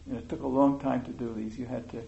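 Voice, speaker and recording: A man giving an informal meditation talk, speaking slowly and thoughtfully with many pauses and fillers. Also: mid-range voice, steady tone, vocal fry, dark tone, muffled recording. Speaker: meditation teacher.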